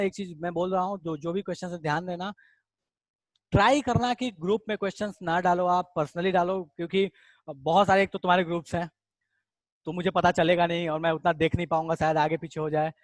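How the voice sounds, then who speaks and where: A man teaching an online chemistry revision class, talking quickly and casually and calling his students "beta". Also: high voice, no echo. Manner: fast-talking, addresses students as beta, casual Hinglish asides.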